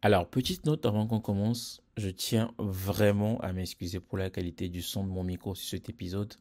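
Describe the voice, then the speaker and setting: A man's voice: deep voice, fairly even intonation, moderate pace, darkish tone. A man hosting a podcast interview, talking casually with lots of hesitations and fillers. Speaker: podcast host.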